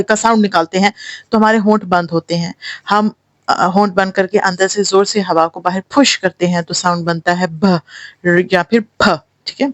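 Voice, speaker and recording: A woman's voice: medium pitch, dry recording, low-quality recording. A woman teaching an English pronunciation lesson, explaining patiently step by step and modeling each vowel and consonant sound herself. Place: home in Thailand.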